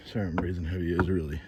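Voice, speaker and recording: A man rambling casually and cursing freely while he films a hike up a wooded hill trail. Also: low voice. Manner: loose, profane, chatty. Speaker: vlogger. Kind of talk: casual rambling hiking vlog. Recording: clear outdoor background noise.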